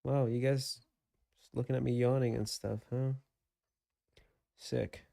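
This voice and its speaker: A man hosts a live trading stream from a home desk, thinking aloud and chatting easily with viewers. His voice is mellow and gravelly, with a bit of fry. The sound is dry and close, with no room echo. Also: medium pitch, flat delivery, moderate pace. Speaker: livestream trading host. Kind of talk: casual live market commentary. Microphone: desk microphone with webcam.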